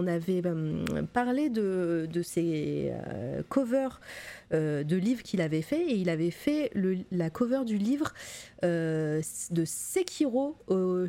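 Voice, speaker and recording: A woman's voice: fairly low pitch, expressive, slow, warm tone. Chatty woman hosting a live stream. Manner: chatty, many fillers, giggly asides. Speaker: stream host. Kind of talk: casual live-stream chat.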